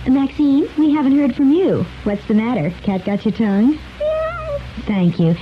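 A woman's voice: fairly high pitch, normal speed, faint music behind, lightly acted. A woman playing a chipper, sweetly patient focus-group interviewer in a comic retro radio ad. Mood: coaxing. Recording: dull lo-fi radio ad, faint noise.

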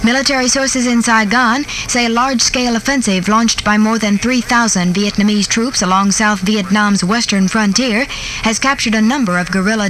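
A woman newsreader delivers a formal, measured bulletin in the old newsreel manner of early 1960s radio. Her pitch is mid-range, and the vintage recording carries some faint noise. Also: a bit bright.

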